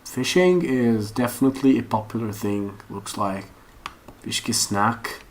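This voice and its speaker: This online course instructor speaks with a fairly low pitch, lively intonation and a slightly slow pace. Seated at a computer, he rambles through a casual screen-share tutorial, thinking aloud as he searches, while keyboard and mouse clicks fill the noisy room.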